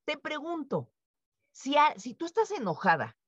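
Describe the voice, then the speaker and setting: A woman's voice: high-pitched, wildly swooping pitch, measured pace, a bit bright, dry recording. A woman with a Mexican accent presenting a webinar, talking to participants, acting out quoted speech and asking tag questions. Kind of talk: interactive webinar talk. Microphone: video call. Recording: dull, dry video-call audio.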